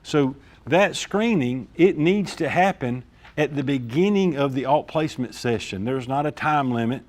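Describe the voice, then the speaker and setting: A school district administrator walks a meeting through discipline procedures. He talks informally, keeps checking that people follow him, and speaks at a middling pitch. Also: lively intonation, normal speed, a little mellow. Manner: informal, repeats "all right?" to check understanding. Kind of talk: explaining procedures at a staff meeting.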